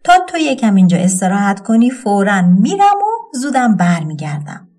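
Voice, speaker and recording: A woman's voice: medium pitch, very animated, darkish tone. A woman voicing an impatient, thirsty young boy in a folk tale. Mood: hurried.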